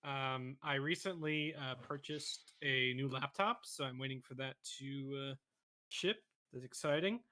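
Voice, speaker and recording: A man's voice: medium pitch, a little slow, bright, forceful tone. A man griping about travel trouble in casual livestream chat, with many ums. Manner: gripey, plain storytelling with many ums.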